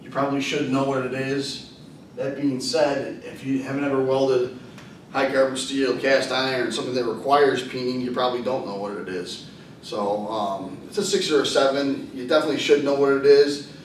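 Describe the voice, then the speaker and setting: In a hard-walled indoor classroom with a whiteboard, a plain-spoken man in his thirties, a welding instructor and video host, gives an informal whiteboard lesson. A distant camera mic picks him up, so the room sounds echoey with a faint rumble.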